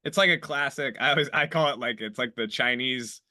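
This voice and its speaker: A man's voice: medium pitch, a little fast, pushed and bright, dry recording, studio quality. A man in his thirties from Iowa hosting a casual podcast interview, rambling and swearing freely, with lots of restarts. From Iowa, United States. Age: 30s. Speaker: podcast host.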